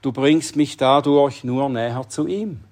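A man preaching a sermon in an earnest, emphatic way, often dropping to a hushed tone to stress a point. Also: mid-range voice, measured pace. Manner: earnest, emphatic delivery with dramatic drops to a hush.

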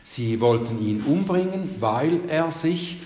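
A man preaching a sermon, slow and emphatic, leaning hard on the quoted scripture. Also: fairly high pitch, lively intonation, darkish tone, a little hiss or hum. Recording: echoey hall, long reverb.

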